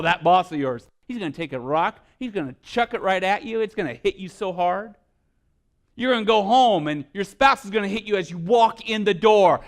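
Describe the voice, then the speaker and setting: Lively high-voiced preacher man. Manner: animated storytelling, acts out little scenes; asks the congregation questions. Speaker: pastor. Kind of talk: sermon.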